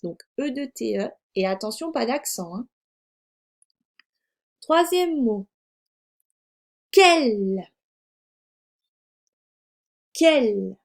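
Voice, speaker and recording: A woman teacher leads a reading lesson for young children in a fairly high voice. She talks slowly and patiently, repeating each word and spelling it out letter by letter. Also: animated, a little mellow. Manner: slow, careful dictation, spelling out letters; patient, explains and repeats words. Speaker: first-grade teacher.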